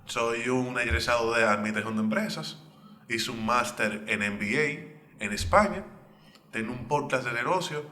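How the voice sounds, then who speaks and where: A man's voice: medium pitch, moderate pace, bright, forceful tone. A man hosting a business podcast, interviewing a guest in a conversational way with direct questions. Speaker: podcast host. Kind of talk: casual interview chat. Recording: echoey room.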